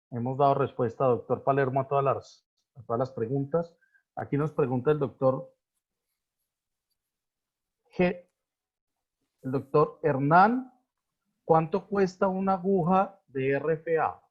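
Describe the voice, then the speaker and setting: A man's voice: mid-range voice, slow pace, long pauses, dull audio. A man moderating a video-call webinar, hesitant, with many fillers and restarts. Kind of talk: hosting a live video webinar.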